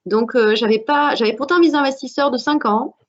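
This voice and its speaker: A woman's voice: sits high, a little fast. A woman from France with a French accent, speaking earnestly as a guest with many hesitations in a panel discussion. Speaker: alumna guest. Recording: dull lo-fi audio.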